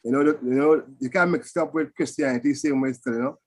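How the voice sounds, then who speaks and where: A man's voice: mid-range voice, fast. A man with a Caribbean accent reasoning in Rasta speech, ending phrases with "you know" and "still" in a casual panel discussion. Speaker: panel speaker.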